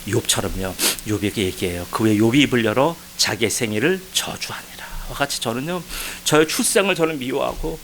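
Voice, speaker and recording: A man pastor preaching a sermon as a personal testimony, his voice shifting from hushed reflection to loud, pleading cries. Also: mid-range voice, brisk, few pauses, a little hiss or hum, rough recording. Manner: emotional testimony, swings from quiet to loud pleading. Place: church sanctuary.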